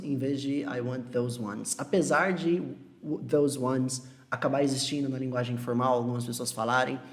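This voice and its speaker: A young man with a Brazilian Portuguese accent teaching English live, answering viewers and slowing down to model each phrase. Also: on the high side. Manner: patient, explanatory, slows to model English phrases.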